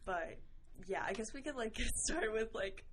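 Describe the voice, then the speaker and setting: A teenage girl hosting a student podcast in casual chat, rambling with lots of fillers and often trailing off softly. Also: a little high, lively intonation, normal speed, a little hiss or hum, poor audio. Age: teens.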